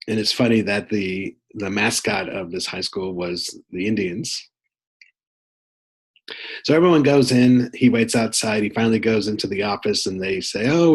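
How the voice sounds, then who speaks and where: A man casually summarizing a novel aloud, relaxed and loose, with frequent ums and restarts as he retells it. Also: on the low side, slightly rough, rough recording. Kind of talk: casual spoken book summary.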